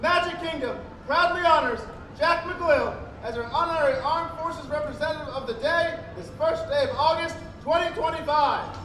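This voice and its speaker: A man making a formal ceremonial announcement over outdoor public-address loudspeakers, in a measured, even delivery. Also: extremely high pitch, poor audio. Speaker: park announcer.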